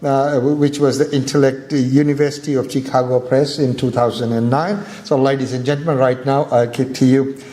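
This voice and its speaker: A man hosting an event, speaking informally and haltingly to a gathering, often repeating words. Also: medium pitch, fairly even intonation, mellow. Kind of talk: informal, semi-improvised public address.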